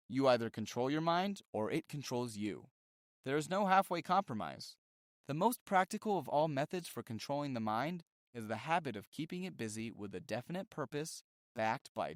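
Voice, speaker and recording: Male audiobook narrator, measured and emphatic, lively pitch, dry close recording. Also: no echo. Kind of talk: scripted narration.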